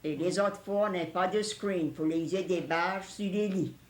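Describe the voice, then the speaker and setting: A woman's voice: fairly low pitch, moderate pace. An older woman from Louisiana with a Cajun French accent, reminiscing casually in plain rural speech mixed with English words. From Louisiana, USA. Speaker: interviewee recalling family life. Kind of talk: casual oral-history reminiscence. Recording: echoey room recording.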